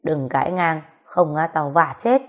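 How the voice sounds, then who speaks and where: A woman voicing a blunt, foul-mouthed grown woman who scolds roughly in a storybook reading. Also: sits low, expressive, a little slow. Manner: rough, scolding, swears freely.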